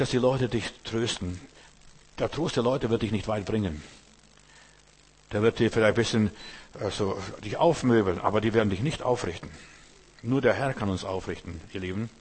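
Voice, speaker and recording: A man's voice: medium pitch, husky. A man preaching a sermon, speaking pastorally and directly to the listener with rhetorical questions. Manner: acts out quoted voices of troubled believers.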